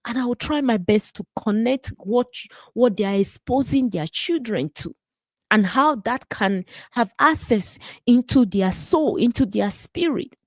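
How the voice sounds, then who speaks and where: A woman's voice: on the high side, expressive, unhurried, dry recording. A woman in her thirties from Nigeria with a Nigerian accent, a nurse and minister giving an earnest testimony and preaching, repeating words for stress. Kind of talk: personal testimony and preaching to camera.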